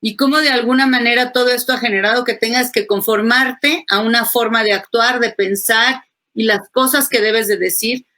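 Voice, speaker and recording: A woman's voice: a little high, steady tone, normal speed, sharp tone. A woman, a psychoanalyst, talking animatedly on a webinar panel and acting out quoted phrases.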